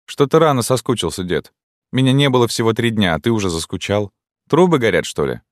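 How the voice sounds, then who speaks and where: A sharp-tongued young woman, scornful and quick to anger, as a deep-voiced man puts her on for an audiobook. Her voice sits noticeably higher than the narrator's own. The recording is dry and close. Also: expressive, no room sound. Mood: mocking. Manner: sarcastic, biting.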